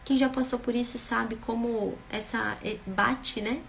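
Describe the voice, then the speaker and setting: A woman's voice: fairly high pitch, steady tone, unhurried, gravelly, a bit bright, slight background noise. A woman speaking earnestly and emphatically, giving parenting advice straight to the camera and repeating phrases for rhythm. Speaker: parenting vlogger.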